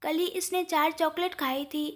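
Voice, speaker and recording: A woman's voice: sits high, fairly even intonation, normal speed, lightly acted. A woman voicing a playful, teasing young woman in a storybook reading. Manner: light, teasing.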